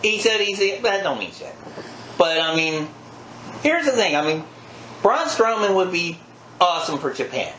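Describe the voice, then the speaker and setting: High-voiced man chatting in an echoey room. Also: animated, moderate pace, pauses often, sharp tone. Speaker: podcast co-host. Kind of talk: casual wrestling chat. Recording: echoey room, faint background noise.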